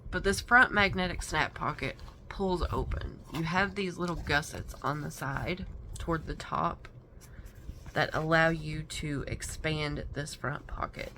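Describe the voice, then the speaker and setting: Woman, low voice, unhurried, chatty haul video, faint room hiss. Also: bright, forceful tone. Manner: chatty, descriptive, folksy. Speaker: vlogger. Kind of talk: product haul showing.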